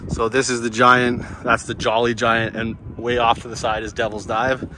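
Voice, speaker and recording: Outdoors on a ski slope and chairlift, a young man vlogging his snowboarding chats casually in slang, rambling and musing in a laid-back way. His mid-range voice is completely flat, pushed and bright, at a moderate pace. The outdoor ambient noise of the ski hill comes through clearly.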